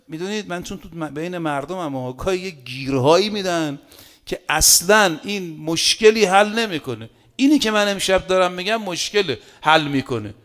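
A man preaching a sermon in a conversational, folksy way, full of rhetorical questions and short anecdotes, swinging between loud emphasis and quiet asides. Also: fairly high pitch.

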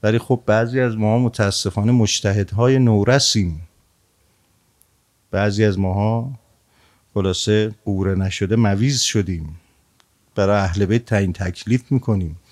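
A man delivering a religious sermon, retelling a story and urging his listeners, with emphatic raised lines that drop into quiet, low asides. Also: fairly even intonation. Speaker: preacher.

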